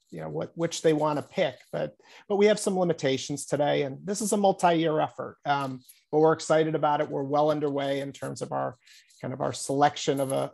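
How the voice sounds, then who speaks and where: Gravelly-voiced middle-aged man on a video call. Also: fairly high pitch, a little mellow. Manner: earnest, halting, with many restarts and fillers. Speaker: insurance executive. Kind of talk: panel discussion on a video call. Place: small office indoors. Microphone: earbuds on a video call.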